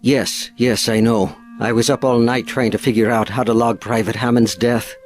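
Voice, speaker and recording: A man's voice: mid-range voice, fairly even intonation, moderate pace, soft background music, close to an everyday voice. A man playing a weary, firm ship's captain in command of an expedition, formal and authoritative, in an audio drama.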